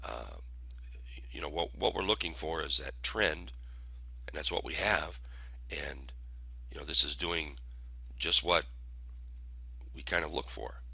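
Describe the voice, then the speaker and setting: Hoarse male host, deep, bright edge, halting casual market commentary. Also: no echo. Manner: halting, filler-heavy delivery.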